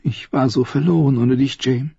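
A man voicing a scheming, pleading queen in a raised falsetto for an audiobook. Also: fairly even intonation, moderate pace, creaky, warm tone, husky, no room sound. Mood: insistent. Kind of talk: audiobook reading. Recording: dry, dull close recording.

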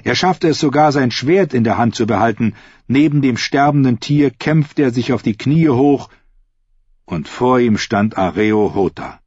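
A man reading an audiobook in steady scripted narration. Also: medium pitch, measured pace, husky, no echo. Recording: slightly dull lo-fi recording.

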